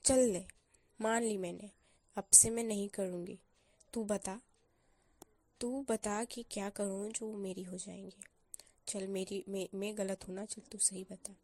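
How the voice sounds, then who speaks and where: A woman voicing a young female college student who is lovestruck and quick to take offence, arguing defensively. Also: medium pitch, fairly even intonation, mellow. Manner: defensive, argumentative. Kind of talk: storyteller voicing a character.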